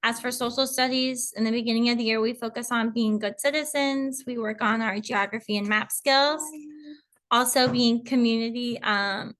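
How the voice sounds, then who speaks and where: A woman kindergarten teacher with a fairly high, slightly bright voice speaks at normal speed with fairly even intonation. In a school info video for parents, she introduces colleagues and explains the curriculum, reading lists and saying um often.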